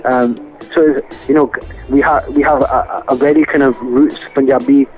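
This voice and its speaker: A man's voice: medium pitch, fairly even intonation, moderate pace, faint music behind, rough recording. A man with a Scottish accent giving a casual interview as a musician guest over the phone, speaking in a hesitant, thoughtful way. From Scotland. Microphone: phone line.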